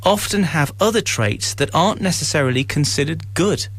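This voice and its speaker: A man's voice: a little high, expressive, moderate pace, a bit bright, dry recording. A man hosting an afternoon local radio show in an upbeat, chatty, bantering way. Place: radio studio.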